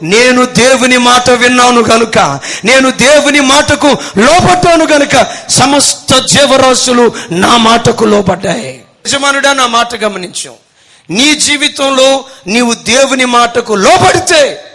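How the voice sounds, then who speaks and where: High-pitched, bright-voiced pastor preaching. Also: male voice, animated, measured pace. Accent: Telugu. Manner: dramatic storytelling, acting out voices, rising to shouts. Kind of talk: Telugu sermon with acted stories.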